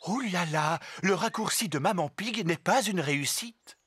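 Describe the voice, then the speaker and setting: A woman's voice: on the low side, lively intonation, moderate pace, fairly bright tone, husky, full character voice. A woman narrating a children's cartoon in a scripted storytelling manner. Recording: music behind the voice.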